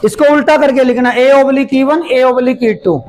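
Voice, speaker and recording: A man teaching a maths lesson, going through each step slowly and repeating it while he writes it out. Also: extremely high pitch, darkish tone, poor audio. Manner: slow, repeats steps as he writes. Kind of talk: classroom lesson explanation.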